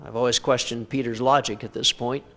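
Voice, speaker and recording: A preacher giving a conversational sermon, asking rhetorical questions with dry humor. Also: male voice, medium pitch, level tone, fairly quick, bright, forceful tone, long reverb tail. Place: church sanctuary.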